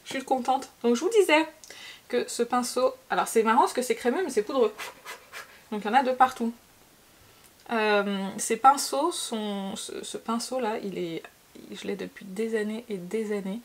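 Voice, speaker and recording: A woman from France chatting casually through a makeup tutorial, with frequent fillers and repeated words. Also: on the high side. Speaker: beauty vlogger.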